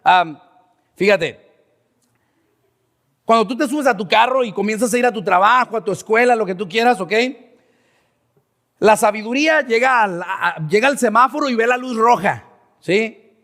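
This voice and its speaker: A man, a pastor, teaches his congregation in a sermon, frequently pausing and asking "verdad?" along the way. The high-pitched, slightly bright voice moves at a moderate pace and echoes through the large hall of the church sanctuary.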